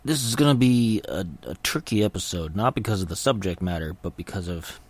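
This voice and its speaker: A middle-aged man hosting a casual solo podcast, rambling haltingly with his jaw held nearly shut, so his words come muffled through his teeth. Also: deep voice, expressive. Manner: halting and hesitant, repeating words. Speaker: podcast host.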